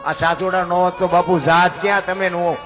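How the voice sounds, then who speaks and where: A man's voice: sits high, flat delivery, moderate pace, a bit bright. A man giving a devotional sermon, telling a saint's story in a folksy way and voicing its characters. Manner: folksy, addresses listeners as bapu, voices characters in stories. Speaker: spiritual storyteller. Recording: music playing behind.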